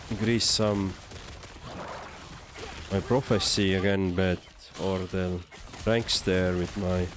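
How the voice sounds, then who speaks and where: An Estonian livestreamer with an Estonian accent and a deep voice casually commentates on a game and chats live. Background noise is audible.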